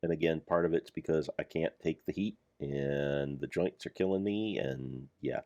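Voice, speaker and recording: Very deep-voiced older man rambling. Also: normal speed, dark tone, no echo, lo-fi sound. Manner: meandering, self-deprecating, jokey. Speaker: Minecraft mod pack creator. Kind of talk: rambling gameplay commentary.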